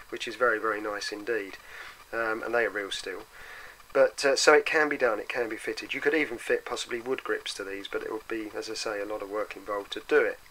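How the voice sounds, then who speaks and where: Gravelly man with a cold, bright tone. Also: poor audio. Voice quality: gravelly, deeper than usual from a cold. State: bad cold and sore throat. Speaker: product reviewer for an airsoft custom shop. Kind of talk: casual hands-on product review.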